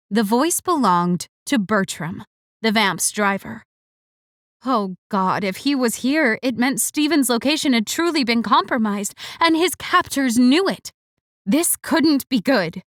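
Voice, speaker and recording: A woman reads a first-person romance audiobook in a fairly high voice. Her delivery is expressive and wry. The recording is close and dry. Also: no echo. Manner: expressive, wry inner monologue. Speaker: audiobook narrator.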